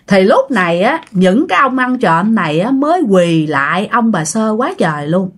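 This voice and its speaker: A woman's voice: mid-range voice, sing-song, normal speed, breathy edge. A woman with a Southern Vietnamese accent narrating a ghost story in a chatty way, speaking straight to her listeners. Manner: chatty, addresses listeners directly.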